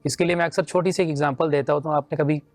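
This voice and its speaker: A man's voice: a little high, steady tone, soft background music. A man judging a naat recitation contest, explaining in a teacherly way with simple everyday examples. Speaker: naat competition judge. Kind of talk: judging feedback.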